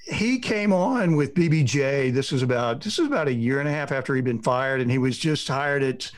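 Fairly quick and lively in intonation, this mid-range male voice belongs to a middle-aged sports reporter rambling on a casual podcast. He acts out the quotes in his stories, and there's no echo.

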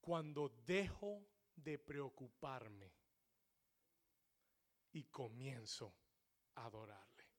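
A man preaching a sermon to a congregation, repeating his points in English and rising to shouts before dropping low and slow. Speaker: pastor. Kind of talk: bilingual sermon. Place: church sanctuary.

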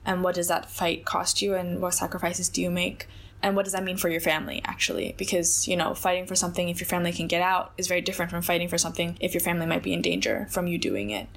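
Speaking fast with a steady, fairly low voice and some vocal fry, a young woman from Hong Kong answers as an interview guest. Her talk is reflective and conversational, thoughtful and full of hedges and fillers like "like" and "I think", with a little hiss or hum in the background.

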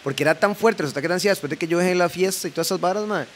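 A young Costa Rican man with a Costa Rican accent, a podcast guest telling animated stories full of filler words and sound effects. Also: high-pitched, racing, a little hiss or hum. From Costa Rica. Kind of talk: casual chat.

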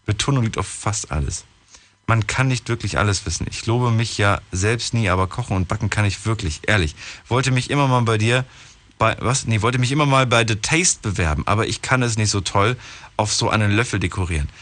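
A man's voice: on the low side, a little fast, a bit bright. A young man hosting a casual radio call-in show, reading listener emails aloud and chatting with callers.

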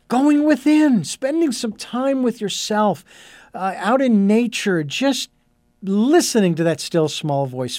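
A middle-aged man with a high voice hosts a radio talk show, wandering through his intro with plenty of "uh"s and restarts. The sound is dry and close, with no room around it. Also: darkish tone, no echo. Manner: rambling, with many fillers and restarts. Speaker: host.

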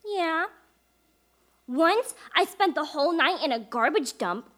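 Woman as boastful six-year-old boy, bright voice, deadpan bragging, radio comedy. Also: high-pitched, measured pace. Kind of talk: live comedy radio play.

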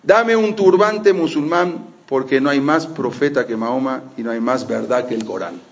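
A man's voice: mid-range voice, moderate pace, pitched below the performer's own voice, close to an everyday voice. A man voicing a grandiose, theatrical male false messiah who speaks in proclamations, in a muffled recording. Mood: declaring. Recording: muffled lo-fi audio.

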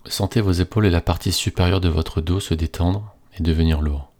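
A man reading a scripted guided relaxation in a slow, soothing, hypnotist-like manner with repetitive phrasing. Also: sits low, steady tone, darkish tone.

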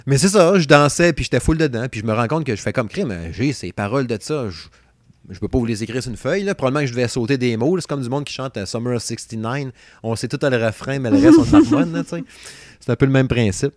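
Talking fast in a medium-pitched voice, a podcast co-host in his thirties from Saguenay, Quebec, jokes about old songs on a casual chat show. He has a Québécois French accent, hums song snippets with animated humor, and there's no room sound.

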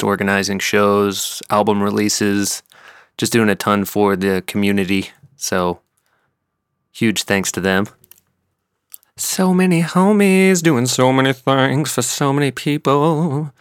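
Smooth, gravelly, low American podcast host. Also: male voice, a bit bright, no room sound, clean studio sound. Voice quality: smooth, sultry DJ-style voice. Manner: laid-back, slangy. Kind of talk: casual podcast talk and interview.

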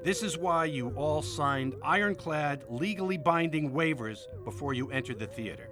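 A man's voice: on the high side, lively intonation, normal speed, music in the background, natural voice. A man playing a gleefully macabre movie huckster with pompous, formal patter in a parody horror promo. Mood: solemn, gleeful.

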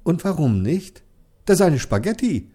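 A man's voice: a little high, sing-song, moderate pace, mellow, husky. A man telling a children's story as a playful back-and-forth, teasing with questions.

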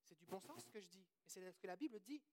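In this clip a woman with a Québécois French accent delivers a sermon at a quick, animated pace, her medium-pitched voice carrying a dark tone over slight background noise. Earnestly, she cites scripture, questions her listeners and leads them in prayer.

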